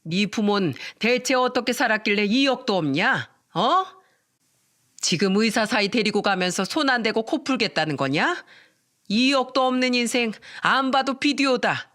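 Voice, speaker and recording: A woman's voice: medium pitch, lively intonation, normal speed, a bit bright, lightly acted. A woman voicing a haughty, contemptuous middle-aged future mother-in-law who scolds and sneers. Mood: scornful.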